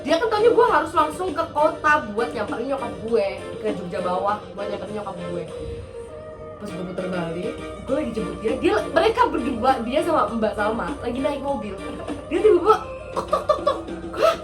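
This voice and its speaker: A woman, casually telling a story on a podcast, animated and acting out the quotes. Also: on the high side, moderate pace, distant mic. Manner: animated, acts out quotes, laughs often. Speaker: podcast host. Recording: roomy, off-mic, music behind.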